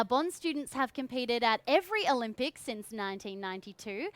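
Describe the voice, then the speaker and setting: A woman hosts a live broadcast with a bright, bubbly delivery. Her voice sits high. The recording is dry and close. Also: clean tone, no echo. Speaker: host.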